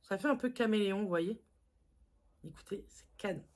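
Female beauty vlogger, relaxed and chatty, teasing herself while showing products to camera. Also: mid-range voice, normal speed, slight background noise. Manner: chatty, self-mocking, lots of fillers. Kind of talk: casual makeup haul review.

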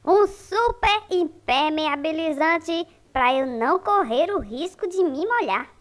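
A woman's voice: very high-pitched, lively intonation, slow pace, exaggerated voice. A woman voicing a cocky, carefree, teasing little boy in a comic-strip cartoon.

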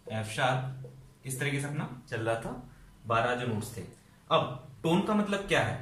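Music teacher, man, slightly high voice, patient and repetitive, echoey room. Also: fairly bright tone, slight background noise. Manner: patient, repeats and checks understanding. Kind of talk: explaining music theory.

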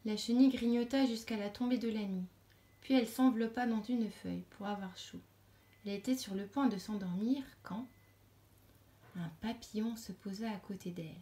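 Conteuse à la voix douce et chaude. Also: female voice, mid-range voice, moderate pace. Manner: gentle, dropping to a hush at bedtime moments. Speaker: storyteller. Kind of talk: reading a children's story aloud.

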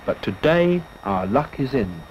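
A man narrating a nature documentary from a script, telling the expedition in measured, literary first-person style. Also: mid-range voice, very animated. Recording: dull lo-fi old film soundtrack with hiss.

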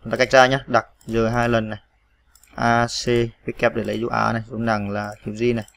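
Flat-voiced man spelling out keystrokes. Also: mid-range voice, fairly quick, vocal fry. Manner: patient, spells out letters one by one with many fillers. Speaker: computer typing tutor. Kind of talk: screen-recorded tutorial narration.

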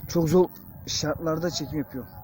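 A man's voice: a little high, steady tone, a little fast. A man filming a ghost-hunting vlog alone in an open field at night, frightened, muttering prayers and curses under his breath. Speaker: paranormal vlogger. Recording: noisy outdoor night recording.

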